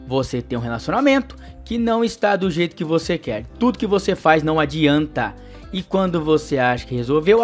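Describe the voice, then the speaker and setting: On his astrology channel, a Brazilian Portuguese-accented host goes through the day's horoscope and then pitches what he offers. His delivery is affectionate and cheerful, aimed straight at the listener.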